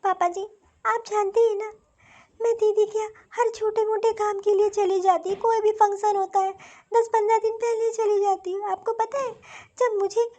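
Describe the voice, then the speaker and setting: A woman's voice: very high-pitched, dark tone. A woman voicing a wronged young daughter-in-law in a cartoon story, plaintive and complaining. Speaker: cartoon voice actor.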